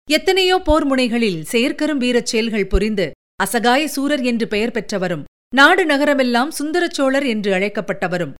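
A woman presenting a radio serial, reading a novel aloud in measured, formal storytelling style. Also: a little high, fairly bright tone. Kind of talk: scripted narration of a novel.

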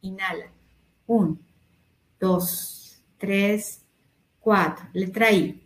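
A woman leading a voice workshop, calmly counting breaths and explaining exercises. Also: medium pitch, extremely slow, roomy sound. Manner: instructive, counting breaths aloud. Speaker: voice coach. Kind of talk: guided voice workshop.

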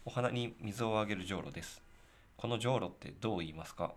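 A young man speaks. He chats casually on a podcast in a relaxed way, and now and then reads posts aloud. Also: fairly low pitch, fast. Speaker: podcast co-host, band member. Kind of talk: casual chat.

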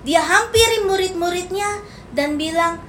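A woman's voice: extremely high pitch, a little slow, fairly bright tone, roomy sound, slight background noise. A woman preacher, giving a playful sermon and acting out the lines she quotes. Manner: playful, acts out quoted lines, teases the congregation. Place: church hall.

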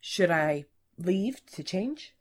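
A woman's voice: fairly low pitch, expressive, extremely slow, a little mellow, voice pushed up, heavily acted. A woman reading aloud and voicing a cheeky young male employee who stays polite and mock-innocent.

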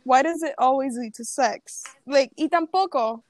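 Puerto Rican woman chatting in fast-switching Spanglish. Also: sits high. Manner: Spanglish, switching between Spanish and English mid-sentence; slangy. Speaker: podcast co-host. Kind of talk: casual chat.

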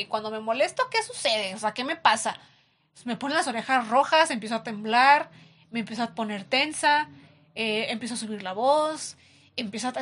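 A woman's voice: a little high, fairly bright tone. A woman with a Mexican accent, talking casually in a podcast chat and acting out little example dialogues as she explains.

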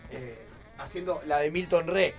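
A young man with an Argentine accent, loud and excitable, hosting a casual chat and slipping into mock sports commentary. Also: on the high side, moderate pace, creaky, soft background music. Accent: Argentine Spanish.

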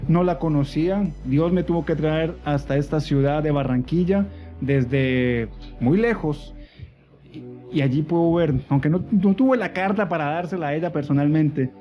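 High-voiced man telling a funny story. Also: moderate pace, dull audio, soft background music. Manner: humorous storytelling with playful voices. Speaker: podcast co-host.

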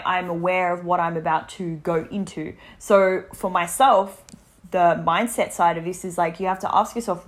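A woman in her twenties talking casually to camera about health, chatty and full of fillers. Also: lowish voice. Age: 20s. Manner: chatty, many fillers and restarts. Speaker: vlogger.

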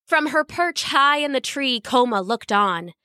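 A woman narrating a children's storybook in an expressive, lively reading. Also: sits high, measured pace, dry recording, studio quality.

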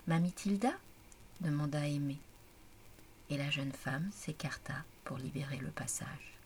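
A woman reading a story aloud in a hushed, slow whispered storytelling narration. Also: low voice, a little hiss or hum.

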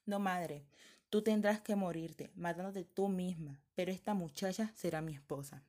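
A woman's voice: on the low side, normal speed, a little mellow, natural voice. A woman doing a firm young prince. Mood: resolute.

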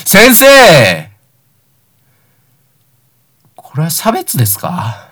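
A man voicing a defiant young schoolboy who protests indignantly and shouts accusations. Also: medium pitch, big pitch swings, a little fast. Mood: shouting. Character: defiant fourth-grade schoolboy protesting loudly.

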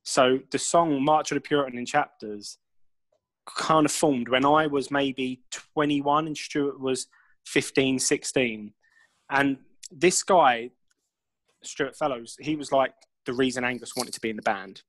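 A man's voice: mid-range voice, steady tone, unhurried, a bit bright, rough recording. Rambling, swearing man musician. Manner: rambling, swears freely, laughs often. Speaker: musician guest. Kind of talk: casual storytelling interview.

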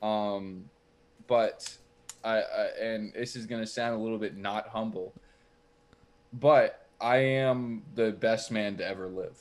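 A young man with a fairly low voice chats on a podcast. He spins a long, mock-boastful story about himself with a straight face. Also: fairly even intonation, slow. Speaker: podcast co-host. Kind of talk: casual podcast chat.

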